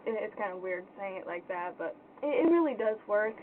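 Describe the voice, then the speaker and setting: A young woman giving an informal pronunciation lesson in a casual, halting way, thinking aloud as she explains. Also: medium pitch, animated. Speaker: language tutor. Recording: tinny phone-like sound with faint noise.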